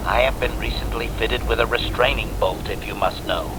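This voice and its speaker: A man's voice: medium pitch, normal speed. An actor playing a formal, menacing male combat droid in a video game, his voice run through a robot filter, speaking stiffly and opening replies with one-word labels. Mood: coldly polite. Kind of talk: video game cutscene dialogue. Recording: game audio with steady background noise.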